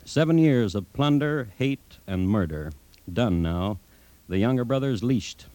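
In a 1950s radio drama, a male actor plays the host-narrator, a droll, solemn crime-history storyteller who speaks in deliberate, dry, clipped phrases. His medium-pitched voice is warm with lively intonation, the performance lightly acted and the recording dry.

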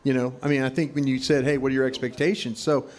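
A man's voice: medium pitch, level tone, fast, a little mellow. A man giving blunt opinions as a football panelist, repeating himself with many fillers. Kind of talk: casual panel chat.

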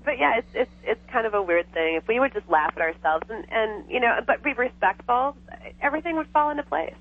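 Over a tinny telephone line, a woman appears as a psychic guest on a radio talk show, chatting casually, laughing often and saying "you know" constantly. Her pitch is fairly high, her delivery animated and fairly quick.

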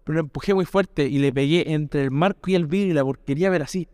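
A man's voice: fairly high pitch, fast, darkish tone, no echo, clean studio sound. A man with a Chilean accent, co-hosting a podcast and telling a school memory in a casual, slangy way, often restarting his sentences. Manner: slangy, hesitant, restarting storyteller. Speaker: podcast co-host. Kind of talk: casual storytelling chat.

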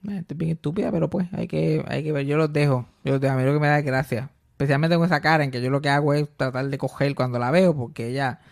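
Gravelly Puerto Rican man chatting. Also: fairly high pitch, quick pace, hardly any pauses. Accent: Puerto Rican Spanish. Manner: animated storytelling, mixes in English, swears freely. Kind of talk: casual chat.

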